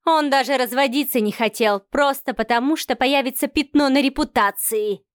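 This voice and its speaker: Woman voicing a cynical haughty mother, sarcastic, slow and cutting, audiobook, higher voice, dry sound. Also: smooth, no room sound, natural voice. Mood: scornful. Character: haughty cynical middle-aged mother, cold and scornful. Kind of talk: audiobook character reading.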